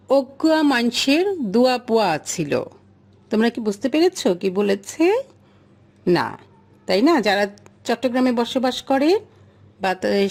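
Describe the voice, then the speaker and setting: A woman's voice: on the high side, a little mellow. A woman teacher, giving a lesson to a class and asking questions she then answers herself. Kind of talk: classroom lesson explaining a chart.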